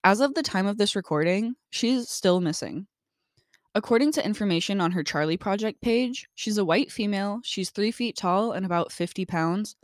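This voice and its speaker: A woman's voice: medium pitch, lively intonation, moderate pace, no room sound, studio quality. A young adult woman co-hosting a true crime podcast, reading case details and venting bluntly with swearing. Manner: reads case facts then vents bluntly with swearing. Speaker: podcast co-host.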